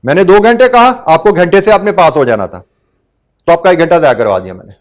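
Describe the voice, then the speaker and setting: Man, middle-aged teacher, high voice, animated pitch, earnest lecture. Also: fairly quick. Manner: earnest, repeats points, addresses students as beta and bhai. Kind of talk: classroom lecture advice.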